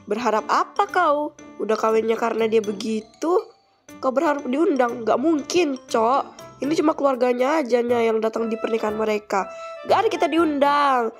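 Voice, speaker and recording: A woman's voice: a little high, normal speed, soft background music, natural voice. A woman doing Nes, blunt gossipy schoolgirl. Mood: smug. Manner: blunt, teasing, slangy. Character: Nes, sharp-tongued teenage schoolgirl who loves gossip. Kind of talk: casual role-play drama voices.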